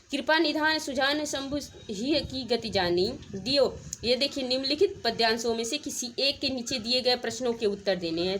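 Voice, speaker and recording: A woman teacher explains exam questions step by step, speaking straight to her students. Her voice sits a little high. A faint background noise runs under the recording. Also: a bit bright. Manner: explains answers step by step, addresses students directly. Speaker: Hindi teacher. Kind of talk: exam-prep lesson walking through a model paper.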